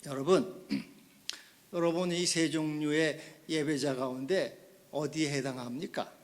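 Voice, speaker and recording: A man preaching a sermon as pastor, animated, acting out the voices of the people he quotes. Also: fairly high pitch, slow, long reverb tail. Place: church sanctuary.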